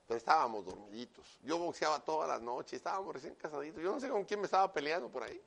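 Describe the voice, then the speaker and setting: A man preaching a sermon loudly and emphatically, with joking asides and frequent direct address to his listener. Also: a little high, lively intonation, fast talker, creaky. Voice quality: loud, emphatic delivery.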